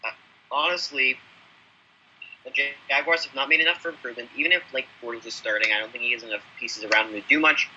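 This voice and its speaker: A man on a sports podcast panel, giving quick, matter-of-fact analysis of a team. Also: mid-range voice, bright, forceful tone, dull audio, slight background noise. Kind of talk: casual sports podcast chat.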